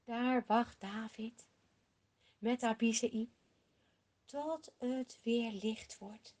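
A woman telling a Bible story to children in a slow, dramatic way, sometimes dropping to a whisper for suspense. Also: on the high side, steady tone, darkish tone.

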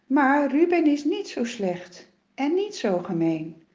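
A woman telling a children's Bible story in a slow, expressive way, with dramatic rises and falls. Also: high voice. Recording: roomy, dull lo-fi sound.

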